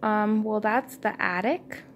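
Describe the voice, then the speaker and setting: A woman with a medium-pitched voice reads slowly from a children's story, like a parent at bedtime, and drops in casual asides. It's a homemade recording with audible background noise and the high frequencies cut off.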